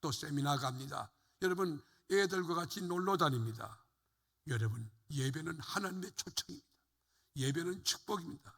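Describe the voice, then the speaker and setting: A man's voice: on the high side, animated, normal speed, vocal fry, a bit bright. An older man, a pastor, preaching a fervent sermon to his congregation in a church sanctuary. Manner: fervent preaching, rising and falling emphasis, addresses congregation. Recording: long hall reverb.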